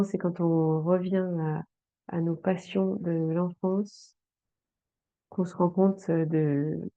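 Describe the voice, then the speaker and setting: Woman, tarot reader, slow and hesitant with lots of fillers, fairly low voice, dry phone-like sound. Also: gravelly, no echo. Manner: slow, hesitant, with many fillers, speaking directly to the viewer. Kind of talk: tarot reading for viewers.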